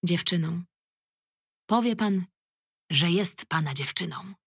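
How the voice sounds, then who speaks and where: Lady reading a worn-out gruff cop boss, firm and fatherly, husky and dry. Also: on the low side, lively intonation, slow, dry recording, heavily acted. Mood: firm, weary. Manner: firm, tired and plain-spoken. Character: weary middle-aged male police commander, gruff but fatherly.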